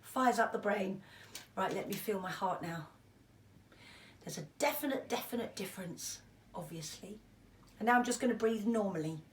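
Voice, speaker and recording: A woman's voice: medium pitch, lively intonation, normal speed, pauses often, slight background noise. A woman giving an informal mindfulness lesson, chatting in an encouraging, self-deprecating way as she explains and demonstrates. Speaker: mindfulness and breathing teacher. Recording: roomy echo, distant microphone.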